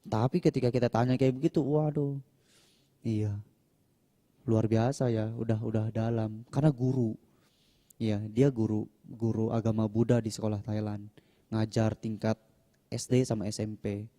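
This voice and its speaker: Dark-voiced young monk telling stories. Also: male voice, flat delivery, normal speed, pauses often. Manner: chatty, acts out quoted people with raised pitch. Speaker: Buddhist monk answering questions. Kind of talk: casual storytelling in a Q&A talk. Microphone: no microphone, voice sometimes quiet.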